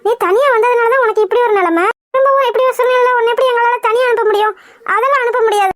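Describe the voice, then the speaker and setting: A woman's voice: very high voice, rapid-fire, no echo. A woman voicing a kind, motherly housewife. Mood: soothing. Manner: soothing, coaxing. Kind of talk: cartoon voice acting.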